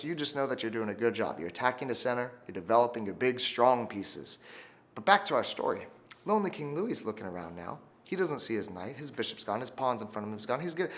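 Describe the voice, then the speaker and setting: A man teaching chess through a story, with call-and-response cues for kids. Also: mid-range voice. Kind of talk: instructional video for teachers.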